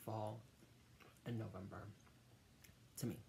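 A young adult with a gravelly voice, chatting casually between mouthfuls of crunchy chips in a home eating video. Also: medium pitch, steady tone, dark tone, slight background noise. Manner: eating crunchy chips while talking, with pauses to chew. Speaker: vlogger hosting an eating video. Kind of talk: casual eat-with-me mukbang chat. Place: small dim room at home.

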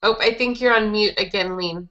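A young woman teaches a conversational English lesson to a group on a video call, encouraging them from a small indoor room. Her mid-range voice is fairly quick and a bit bright, and her headset boom mic gives dull, lo-fi audio.

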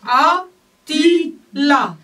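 A woman singing student repeating one sung word slowly and carefully in a vocal exercise. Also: high voice, animated, bright, forceful tone. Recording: voice from far off the mic.

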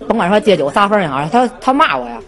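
A woman's voice: mid-range voice, sing-song, fast talker. A woman, a talk show guest giving her side defensively. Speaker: guest, wife.

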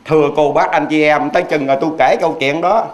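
High-voiced Southern Vietnamese preacher. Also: male voice, fairly even intonation, fast. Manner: chatty, addresses the audience directly with rhetorical questions. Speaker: Hoa Hao Buddhist preacher. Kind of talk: folksy storytelling sermon.

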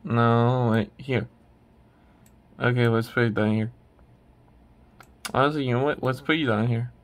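A man's voice: mid-range voice, fairly even intonation, a little slow. A man hosting his channel, chatting casually while ranking a tier list, rambling and hesitant with many restarts. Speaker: channel host.

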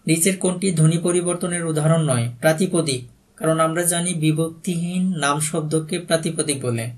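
A man with a Bangladeshi Bengali accent and a slightly high voice tutors for exams at a normal speed. He reads out quiz questions and plainly gives each answer, adding a short explanation.

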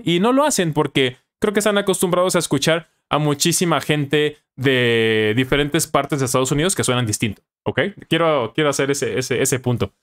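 A young man with a Mexican Spanish accent, his voice sitting a little high for a man, talks through his own video in a loose, reflective way. He often corrects himself mid-sentence and keeps checking in with tag questions. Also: a bit bright. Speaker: YouTuber and English teacher.

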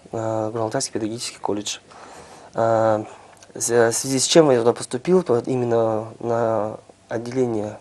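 A man of about thirty from the Altai Republic, telling his life story as a studio guest, speaking in a halting, modest way on a lapel mic. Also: medium pitch, a little mellow. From Altai Republic, Russia. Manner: halting, many fillers and restarts, plain and modest. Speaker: guest, sambo world champion. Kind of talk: interview, personal story. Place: small TV studio with sofas.

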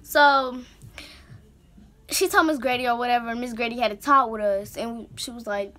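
A woman vlogger in her bedroom telling a story time in an animated, slangy, rambling way, with lots of asides. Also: on the high side, moderate pace. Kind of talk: casual story time monologue. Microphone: camera's built-in mic.

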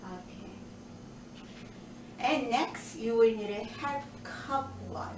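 A cheerful older woman with a voice on the high side slowly explains a home recipe step by step, mixing in nutrition tips for her cooking show. Because the camera sits a little way off, she sounds roomy and distant, with household noise running steadily underneath.

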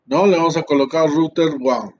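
A man's voice: a little high, normal speed, darkish tone, dull audio. A man teaching a class through a screen-share tutorial, talking in a chatty way with many fillers and tag questions.

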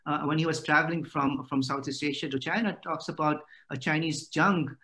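A middle-aged man delivers an academic talk over a video call. His voice sits a little high for a man. He pauses often and fills the gaps with "uh.". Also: steady tone, pushed and bright. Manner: hesitant, many "uh" fillers. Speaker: lecturer.

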